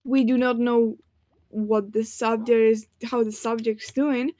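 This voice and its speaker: A woman with a high voice, chatting casually during a game. She takes her time, halting and repeating words as she plays along with the role-play. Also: little pitch movement, mellow, no room sound, clean studio sound. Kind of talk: casual gaming chat with playful role-play.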